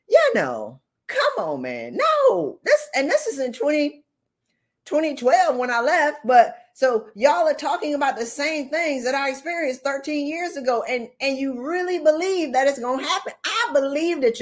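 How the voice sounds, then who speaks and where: A woman's voice: high voice, big pitch swings, normal speed. Blunt, emphatic woman giving a motivational talk. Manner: blunt, emphatic, repeats phrases for effect. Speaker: motivational speaker and podcaster. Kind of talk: motivational talk, informal and direct.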